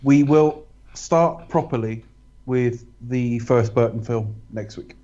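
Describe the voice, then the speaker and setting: Male podcast co-host, sardonic and blunt, mellow dark tone, slightly dull lo-fi audio. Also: mid-range voice, takes it slowly. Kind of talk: casual film-commentary chat.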